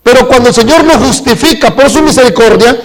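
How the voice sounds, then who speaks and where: With a very high voice, this pastor delivers a live sermon in the church sanctuary. His emphatic preaching slows on key words, and he throws questions out to the congregation.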